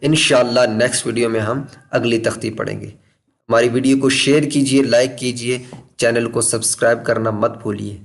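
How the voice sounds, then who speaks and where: A man teaching Quran reading in a recorded lesson, explaining patiently and deliberately, repeating key points and slowly drawing out letter names to demonstrate. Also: medium pitch, steady tone, creaky.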